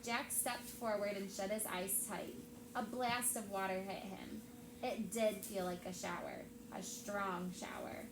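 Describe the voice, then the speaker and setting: Speaking in a steady, medium-pitched voice without hurrying, this elementary school teacher reads expressively to her class and asks the pupils questions along the way. The recording carries room echo and noticeable background noise.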